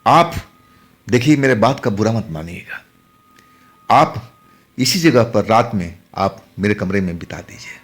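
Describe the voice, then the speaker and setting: Guy telling a spooky true story, low voice, hushed, slips into whispers. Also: lively intonation, measured pace, pauses often. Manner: hushed and dramatic, dropping to whispers. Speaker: horror storyteller. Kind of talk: first-person horror story narration.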